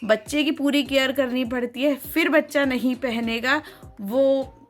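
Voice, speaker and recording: A woman's voice: high-pitched, fairly even intonation, unhurried, faint music behind. A young woman with a North Indian Hindi accent, a mother talking to her viewers in a casual home vlog, earnest and a little defensive. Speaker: family vlogger, mother. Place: home, indoors and on a rooftop.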